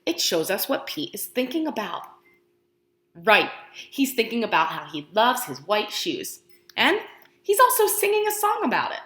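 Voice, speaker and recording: Heard in a reverberant room, this teacher has a mid-range voice and reads a picture book to young children with lots of expression. Her tone is exaggerated and encouraging, and she keeps pausing after questions so the kids can respond.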